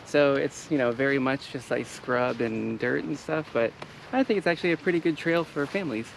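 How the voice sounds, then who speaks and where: Guy vlogging on a hike, kinda gravelly, easygoing, talks with lots of ums. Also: medium pitch, fairly quick, a little hiss or hum. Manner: relaxed, explanatory, with fillers. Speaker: travel vlogger. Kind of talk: casual hiking vlog chat. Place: outdoor wooded trail.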